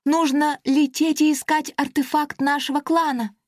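A woman reading a storybook aloud and voicing a small, excitable girl air fairy who talks in an eager, insistent rush. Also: sits high, normal speed, dry recording, studio quality, pitched above the performer's own voice, close to an everyday voice. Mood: excited. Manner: breathless, insistent, bubbly.

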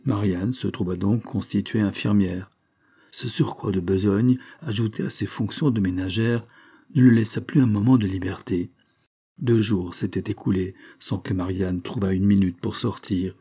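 Low husky guy reading an old novel, dark warm tone. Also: fairly even intonation, moderate pace. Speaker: audiobook reader. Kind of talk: literary narration.

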